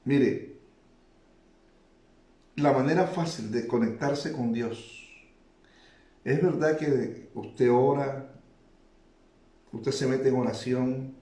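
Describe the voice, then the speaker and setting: Man, preacher, middle pitch, repeats phrases, echoey room. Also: drawn-out words, long pauses, dark tone. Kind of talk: sermon.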